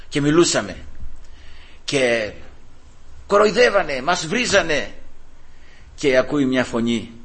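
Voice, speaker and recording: Older male preacher, sixties, sermon delivery, bright and forward tone, lively rhetorical questioning. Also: mid-range voice. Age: 60s. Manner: animated, rising to emphatic rhetorical questions.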